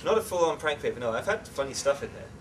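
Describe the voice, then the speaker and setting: A young man chats easily as an interview guest, with plenty of fillers and restarts. He sits some way from the mic. Steady background noise runs under his voice. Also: medium pitch, quick pace, far from the mic. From England, raised in the Netherlands. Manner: relaxed, chatty, many fillers and restarts. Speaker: interview guest, English teacher. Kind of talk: casual interview chat.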